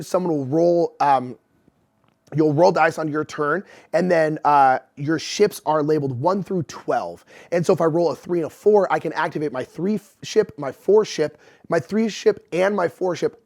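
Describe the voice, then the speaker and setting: A board game channel host in his 30s talks casually to camera indoors, in front of shelves of games, explaining things in a chatty, animated way while gesturing with his hands. His slightly high voice is a bit rough because he's recovering from an illness, and he speaks at a moderate pace.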